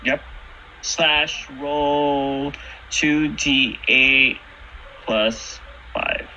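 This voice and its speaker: Very bright, unhurried man at game table. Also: medium pitch, steady tone, dull audio. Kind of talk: casual chat. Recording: faint background noise.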